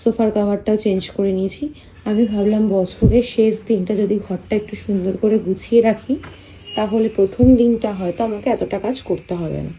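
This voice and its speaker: A woman vlogging softly at home, chatting about her chores while someone sleeps nearby. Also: mid-range voice, steady tone, normal speed, a little hiss or hum, poor audio. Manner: soft, hushed talk so as not to wake a sleeper; chatty, homely running commentary on chores. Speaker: family vlogger. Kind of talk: casual vlog narration. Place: home, indoors.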